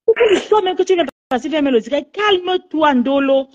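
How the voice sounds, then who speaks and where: A woman's voice: sits high, animated, moderate pace, slight background noise. A woman calling into a live stream, insistently soothing and scolding. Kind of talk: pleading phone call into a live stream. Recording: dull lo-fi phone audio.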